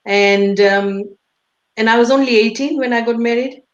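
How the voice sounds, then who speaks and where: A woman's voice: a little high, moderate pace, reverberant, muffled recording. A middle-aged woman from Tanzania, a singer being interviewed over a video call, talking with many hesitant fillers. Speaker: singer and guest. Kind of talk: interview talk.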